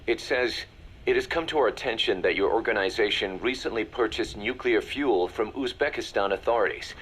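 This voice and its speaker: Kaz, a low-voiced military second-in-command. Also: male voice, fairly bright tone. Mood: serious. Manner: crisp, businesslike, measured briefing. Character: serious male military second-in-command briefing his boss. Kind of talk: video game voice acting, mission briefing.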